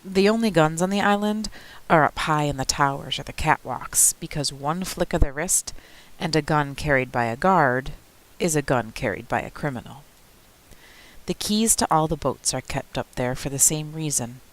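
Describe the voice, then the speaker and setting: A woman, a teacher, reading a children's novel aloud in an expressive first-person storytelling manner. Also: deep voice, normal speed, poor audio.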